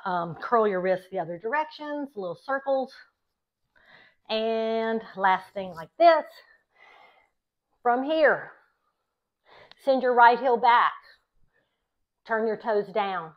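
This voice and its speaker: A woman yoga instructor leading a class in calm, encouraging, short step-by-step cues timed to the breath. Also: fairly high pitch, slow, pauses often. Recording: dull, lo-fi sound.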